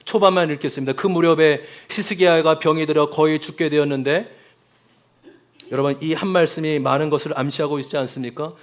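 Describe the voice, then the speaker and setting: A man's voice: on the high side, fairly even intonation, brisk. A man preaching a Sunday sermon as pastor, often calling out to the congregation and acting out quoted voices.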